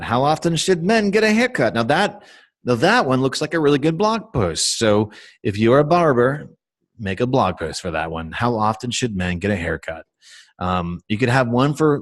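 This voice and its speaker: A man's voice: mid-range voice, dry recording. A man giving a casual screen-share tutorial on search marketing, rambling with lots of fillers and self-mocking asides. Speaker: SEO instructor.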